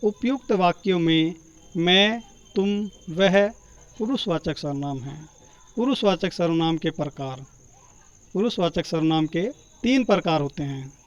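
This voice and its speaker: A man teaching a grammar lesson, slow and deliberate, drawing out each example word. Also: on the high side, animated. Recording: dull, muffled lo-fi sound.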